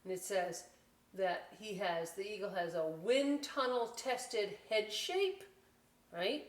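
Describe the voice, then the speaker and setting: At a children's story time, an American woman reads a picture book expressively, pausing for folksy, explanatory chat. Her voice is medium-pitched, animated, and slow, and the recording sounds roomy and distant-miked.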